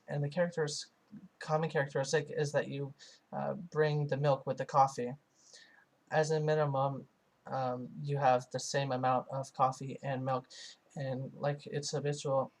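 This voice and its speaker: A student interpreter voices a live, simultaneous translation over a foreign-language source. His pitch stays in the middle within a narrow, level band, and he pauses and hesitates often, with many filler sounds and restarted phrases.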